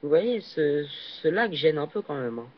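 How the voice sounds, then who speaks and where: A young man casually commenting while he plays a video game, hesitant and full of fillers, with sudden excited yelps on jumps. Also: on the high side, moderate pace. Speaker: gaming channel host. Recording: dull lo-fi recording.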